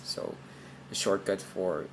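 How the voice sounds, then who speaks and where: This radio programming demonstrator has a low, gravelly voice and takes his time, working through the task hands-on and voicing his thoughts hesitantly. It is a noisy amateur recording with a constant hum of background noise.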